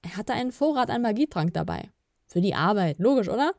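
A woman's voice: medium pitch, a little fast, darkish tone, no room sound, studio quality, close to an everyday voice. A woman voicing a fussy, self-important male elf who talks with pompous airs, in a storybook reading. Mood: sheepish. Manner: pompous, rising and sheepish.

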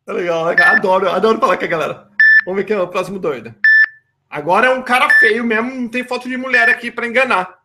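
A man's voice: high-pitched, fast talker, loud music behind the voice. A man with a Brazilian Portuguese accent hosting a live call-in show, joking and teasing callers informally. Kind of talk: casual live call-in chat. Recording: call audio from phone.

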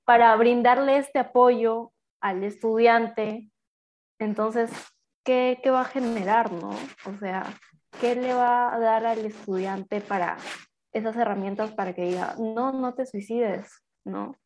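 A woman's voice: fairly high pitch, steady tone, a little slow, a little mellow, muffled recording, a little hiss or hum. A woman, talking thoughtfully with fillers as a podcast guest. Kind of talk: casual podcast chat.

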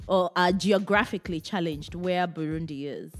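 A woman hosting a chatty interview show, speaking in an expressive, conversational way with short reactions to her guest. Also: on the low side, normal speed, soft background music. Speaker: show host.

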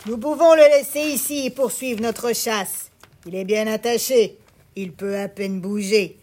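A woman voicing a male hunter calling out loudly from a distance in a storybook reading. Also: fairly high pitch, unhurried. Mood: commanding. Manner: loud, calling out.

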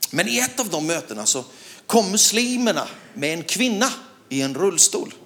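A middle-aged man from Sweden preaches with a lively, swooping voice that sits fairly high. He tells his story with animated delivery, climbs to loud shouts and keeps asking the congregation whether they follow him. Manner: animated storytelling, rising to loud shouts, asks the crowd questions. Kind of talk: sermon with a personal story.

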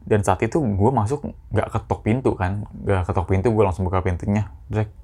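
A man's voice: fairly low pitch, steady tone, normal speed, mellow. A young man hosting a casual solo podcast, rambling with lots of restarts and slang. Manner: rambling, many restarts, slangy Jakarta-style informal talk. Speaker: podcast host.

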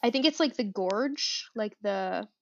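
A woman's voice: medium pitch, expressive, unhurried, no room sound, dull audio. A woman co-hosting a podcast, talking through poetry in a thoughtful, hedging way with many restarts. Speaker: podcast co-host. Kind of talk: casual literary discussion.

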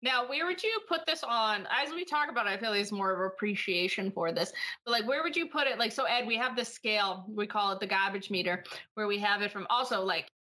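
A woman's voice: medium pitch, brisk, sharp tone. A young woman from Boston with a Boston accent, co-hosting a podcast in casual, rambling chat after a few drinks. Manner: rambling, lots of "like", tipsy. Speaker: podcast co-host.

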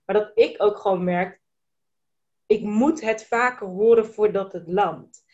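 Enthusiastic woman podcast host, mid-pitched voice, dull lo-fi recording, casual talk with English phrases mixed in. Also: measured pace, a little mellow. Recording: dull lo-fi sound.

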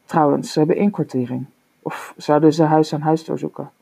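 Een kortaffe, strenge vader en burgemeester in een voorgelezen verhaal, gespeeld door een vrouw. Hij klinkt hard en zakelijk, met een donkere, krakerige stem. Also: female voice, deep voice, steady tone, a little fast, gravelly, warm tone, slightly rough, exaggerated voice, poor audio. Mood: worried. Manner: hard and curt. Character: stern middle-aged male mayor, hard-spoken father.

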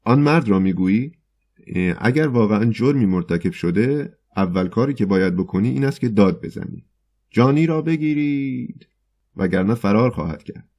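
A man's voice: animated, darkish tone. A man voicing a meddling, mocking middle-aged ex-choirmaster in a storybook reading. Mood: mocking glee. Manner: meddling, mocking, shrill at times.

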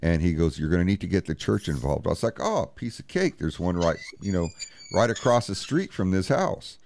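A man's voice: low-pitched, lively intonation, a little fast, darkish tone, a little hiss or hum. A man, a paranormal investigator, telling a story in an interview and bluntly acting out each exchange with "he goes" and "I said". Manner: blunt, profane, retells scenes with "he goes, I said".

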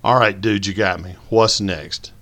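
A man's voice: lowish voice, fairly even intonation, a little slow, fairly bright tone. A man doing an easygoing guy.

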